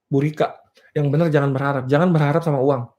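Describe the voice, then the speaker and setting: A man's voice: on the high side, steady tone, quick pace, a little mellow. A male business coach giving a motivational seminar talk, playful, asking rhetorical questions and laughing at his own jokes. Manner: playful, rhetorical, repeatedly checks "clear?" with the audience. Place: live and virtual seminar.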